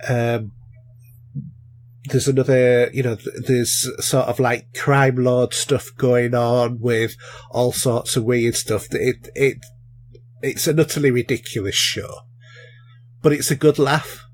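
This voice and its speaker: A man's voice: medium pitch, steady tone, slow. Rambling man in casual chat. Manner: rambling, many fillers and restarts. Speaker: podcast co-host. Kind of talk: casual chat reviewing films and shows.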